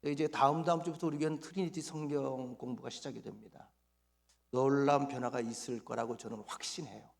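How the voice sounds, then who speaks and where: A man's voice: mid-range voice, steady tone, brisk, vocal fry. A man preaching a Sunday sermon as pastor, quizzing the congregation and having them repeat phrases.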